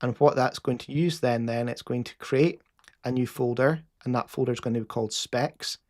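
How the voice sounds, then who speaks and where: A man's voice: mid-range voice, steady tone, normal speed, darkish tone. A man with a Scottish accent casually explaining a live coding session as host, with frequent fillers and restarts.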